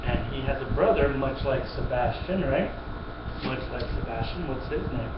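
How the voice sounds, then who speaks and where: This one-on-one children's piano lesson features a man speaking at medium pitch and moderate pace, patient and encouraging as he repeats points and praises often. It's very noisy, captured by a distant, dull webcam microphone in an echoey room with music.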